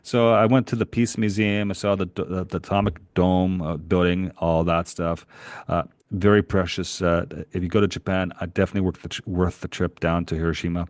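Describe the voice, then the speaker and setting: Speaking a little fast, a deep-voiced, middle-aged Canadian podcast co-host recounts a long travel story in a relaxed, animated way. He wanders off track and laughs softly as he goes, recorded dry and close with no echo.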